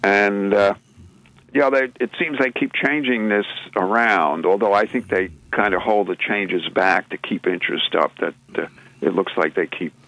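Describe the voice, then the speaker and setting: Explaining news segments on a laid-back radio talk show, this male co-host wanders, restarts, and fills gaps with filler sounds. He speaks at normal speed in a lowish, creaky, fairly bright voice, recorded with no echo and the highs cut off.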